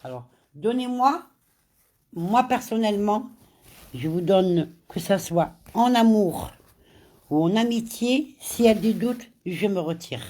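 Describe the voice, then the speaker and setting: A woman's voice: mid-range voice, lively intonation, mellow. A woman with a cold hosting a casual live chat, greeting viewers by name and slipping in Arabic greetings. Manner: slow, repeats words. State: has a cold. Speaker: live stream host.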